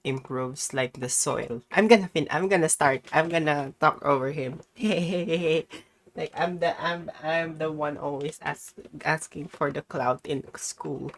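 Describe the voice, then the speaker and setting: A woman's voice: low voice, measured pace, a little hiss or hum. A woman streamer chatting casually and interrupting herself as she talks over a video. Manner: chatty, self-interrupting, giggly. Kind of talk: casual chat.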